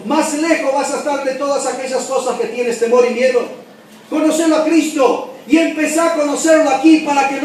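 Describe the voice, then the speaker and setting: A man preaching, his voice strikingly high. He is heard from a distance in a very echoey hall, over faint room noise. He tells lively stories and throws questions out to the listeners. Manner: lively storyteller, acts out voices in anecdotes, asks the audience questions. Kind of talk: sermon with storytelling.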